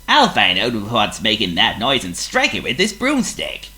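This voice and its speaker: A man's voice: fairly low pitch, wildly swooping pitch, moderate pace, sharp tone, voice pushed up, heavily acted. A man voicing a brave, cheerful male elk hero in a storybook reading, speaking boldly. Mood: confident.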